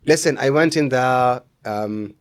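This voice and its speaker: A man's voice: medium pitch, unhurried, smooth. An upbeat Kenyan man talking casually as a guest, with a mid-range voice, switching languages and peppering his speech with fillers and restarts. His delivery is loose and conversational. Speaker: comedian and radio presenter, guest. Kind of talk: casual interview chat.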